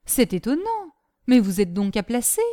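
Imperious, quick-tempered older lady, voiced by a woman; scolding tone, lively pitch. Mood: haughty.

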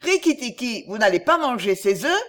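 A woman's voice: a little high, big pitch swings, moderate pace. A woman doing a chirpy, simple-minded little songbird. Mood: eager.

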